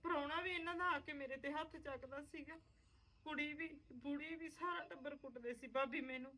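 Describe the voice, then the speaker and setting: Amateur drama: woman as a sorrowful aunt, high bright voice, tearful pleading delivery. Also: steady tone, fairly quick, poor audio. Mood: grieving. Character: grieving married woman, sister-in-law, wronged and weary. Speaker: aunt (bhua) returned from abusive in-laws.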